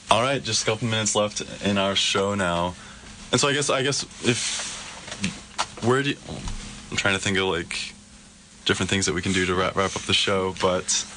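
A man's voice: on the low side, moderate pace, long pauses, pushed and bright, a little hiss or hum. A young man with a Minnesota accent hosting a campus radio show, chatting casually with many fillers. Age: young adult.

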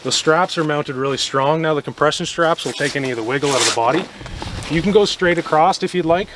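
With a slightly high voice, a young gear maker walks through a hands-on demonstration of his product outdoors in snow by a vehicle, relaxed and halting as he works. The camera mic sits a few steps away, so the sound is distant and full of ambient noise.

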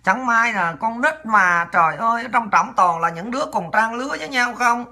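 A woman with a Southern Vietnamese accent mimicking a female party official who consoles a grieving mother in a soft, slow, mock-sympathetic voice. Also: a little high, lively intonation. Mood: mock soothing.

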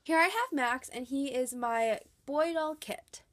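Over a noisy background, a young woman with a cold delivers a scripted, chatty and upbeat voice-over showing her dolls' outfits for her doll collector vlog. Her voice is high with lively intonation, and she keeps a measured pace.

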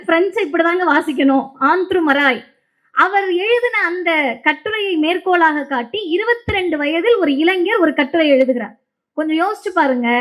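A woman's voice: very high voice, a bit bright, rough recording. A woman giving an impassioned, emphatic stage speech to a crowd, repeating key lines. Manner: impassioned, emphatic oratory with repetitions. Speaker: public speaker.

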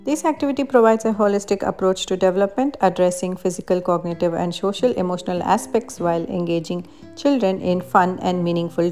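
A woman reading a scripted voice-over that explains activities step by step. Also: mid-range voice. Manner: even, explanatory reading of benefits. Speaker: narrator of a parenting activity video. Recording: voice-over with faint guitar music.

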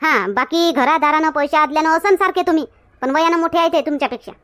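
A woman's voice: high voice, quick pace, fairly bright tone. An actress with a Varhadi Marathi accent playing a blunt, outspoken village woman who scolds and lectures in a comedy skit. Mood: scolding. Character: outspoken village woman Shantabai, quick to flare up. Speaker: comic actor.

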